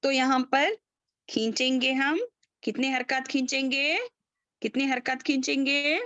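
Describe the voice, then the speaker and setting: A woman teaching an online tajweed class over a video call, drawing out syllables in slow repeated recitation drills and checking in often with her students. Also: sits high, fairly even intonation, a bit bright, no room sound, highs cut off.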